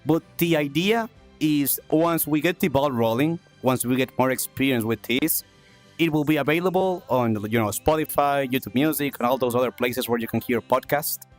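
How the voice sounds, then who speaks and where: This livestream host from South America talks at a normal pace in a mid-range voice, soft music in the background. He chats casually and upbeat, repeats himself, thanks his viewers warmly, and coughs from a congested chest.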